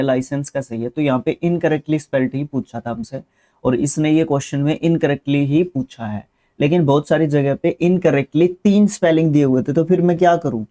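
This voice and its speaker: Male tutor, mid-pitched and mellow, walks through spelling answers casually. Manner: spells out English words letter by letter; casual explaining, with fillers and self-corrections. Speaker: teacher. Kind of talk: explaining a spelling test.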